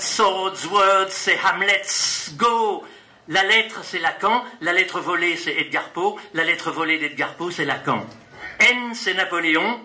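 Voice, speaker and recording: Guy reading his poem live, super bright tone, bouncy list rhythm, faint hiss behind. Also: high voice. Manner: rhythmic list-like recitation, playful. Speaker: poet reading his work. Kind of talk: live poetry reading with spoken introduction. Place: gallery at an evening event.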